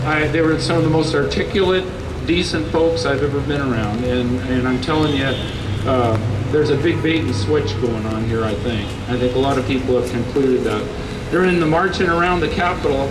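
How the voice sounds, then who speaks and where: A man from the US Midwest giving plainspoken, earnest testimony at a rally, in a halting way. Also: medium pitch. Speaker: rally speaker. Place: outdoor rally. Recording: echoey distant mic with outdoor noise.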